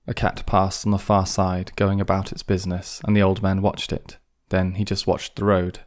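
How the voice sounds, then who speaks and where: A man reading an audiobook with calm, even scripted narration. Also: low voice, normal speed.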